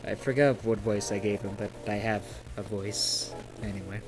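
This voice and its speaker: A man's voice: lowish voice, steady tone, moderate pace, a little mellow, faint music behind, low-quality recording. A man chatting casually as a co-host on a live stream.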